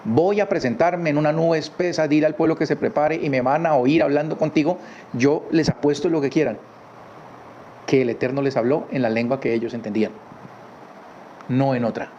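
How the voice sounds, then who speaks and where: A man teaching a religious lesson from his home in a conversational way, often adding quick tag questions. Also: fairly high pitch, dark tone. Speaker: Torah teacher. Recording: slightly dull recording with faint background noise.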